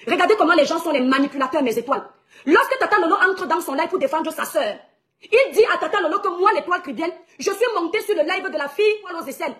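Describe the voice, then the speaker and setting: A woman's voice: extremely high pitch, expressive, fast talker, fairly bright tone. A woman blogger ranting on a live stream, scolding her rivals and speaking straight to her followers with indignation. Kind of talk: heated live-stream rant.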